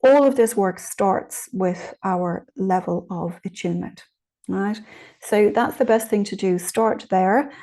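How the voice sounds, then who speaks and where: A woman's voice: medium pitch, unhurried, warm tone. A woman teaching informally and answering questions, in a conversational, encouraging way with frequent little check-ins. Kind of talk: informal guided teaching on meditation.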